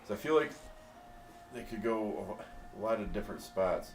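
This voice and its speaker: A man in a casual discussion, thinking out loud in a relaxed way. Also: fairly low pitch, moderate pace. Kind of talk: casual draft pick discussion. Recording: echoey room with faint hiss.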